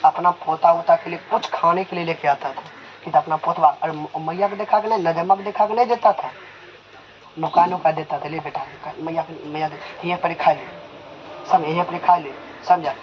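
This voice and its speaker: A man's voice: on the high side, normal speed. A young man teaching a class in Hindi with a Bihari accent, retelling a story and checking often that the students follow. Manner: conversational, keeps checking with the class. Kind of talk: storytelling lesson retelling a chapter. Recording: slightly dull, faint noise.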